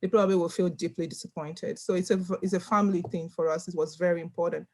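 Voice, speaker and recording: A woman's voice: on the low side, steady tone, fast talker, darkish tone. A woman from Nigeria speaking on a video call panel, earnest and emphatic, often repeating words as she stresses a point. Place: home room.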